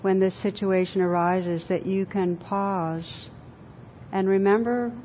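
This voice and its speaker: A woman teacher leading a guided meditation for a group, speaking gently and unhurriedly, with pauses and repeated phrases. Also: mid-range voice, fairly even intonation. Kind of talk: guided meditation, then informal group discussion. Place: room with a group audience. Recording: dull lo-fi live recording, faint noise.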